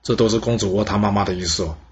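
A man's voice: on the low side, very fast, breathy edge. A man voicing a scheming male minister who talks in an offhand, dismissive way. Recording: dull lo-fi sound.

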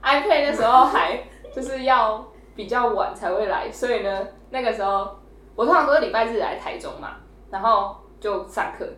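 A woman's voice: a little high, normal speed, a bit bright. A young woman hosting a casual podcast, telling a funny story animatedly with laughter and acted-out quotes. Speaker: podcast host. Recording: roomy echo, faint noise.

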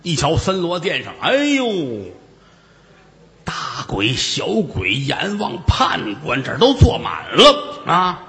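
A man telling a comic ghost story solo, with playful asides and acted-out shouts. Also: a little high, wildly swooping pitch, takes it slowly. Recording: reverberant room.

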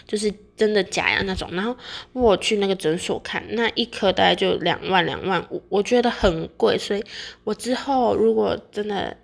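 A woman's voice: medium pitch, normal speed, gravelly. A young adult woman with a Taiwanese accent chats casually to viewers in a rambling monologue, often repeating words and correcting herself. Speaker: vlogger sharing personal experience.

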